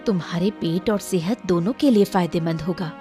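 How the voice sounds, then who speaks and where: A woman's voice: fairly low pitch, moderate pace, dark tone, faint music behind, natural voice. A woman voicing a caring wife in a cartoon, firm and coaxing. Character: caring firm wife pushing bitter medicine. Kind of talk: animated cartoon dialogue.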